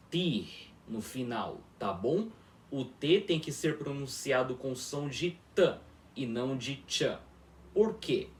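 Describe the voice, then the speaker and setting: A man gives a slow, deliberate language lesson, his pitch rising and falling in lively swings as he keeps checking whether the listeners follow. He sounds set back from the microphone in an echoey room. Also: far from the mic, slight background noise. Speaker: teacher of an invented language. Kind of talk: formal video lesson.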